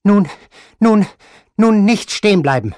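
A man voicing an imperious elderly grandmother at the gaming table in an audiobook, giving shrill, impatient orders. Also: a little slow, dry recording, clean studio sound. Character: imperious old grandmother gambler, commanding. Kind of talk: audiobook reading.

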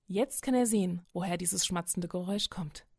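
Brief: storyteller for kids, gentle and expressive, very dry close sound. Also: female voice, fairly low pitch, moderate pace, gravelly, breathy edge, no echo. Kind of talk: reading children's stories aloud.

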